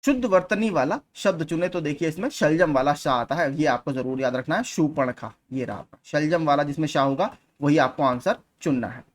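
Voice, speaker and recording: Somewhat high-voiced man teaching exam questions. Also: brisk, hardly any pauses. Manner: patient, repeats key points. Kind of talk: explaining spelling questions.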